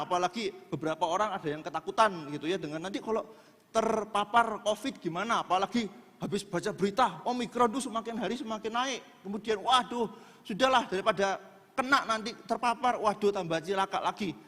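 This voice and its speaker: A man's voice: high-pitched, brisk, a bit bright. A male preacher, giving a chatty sermon and joking with the congregation in a church. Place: church in a large hall. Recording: echoey church hall.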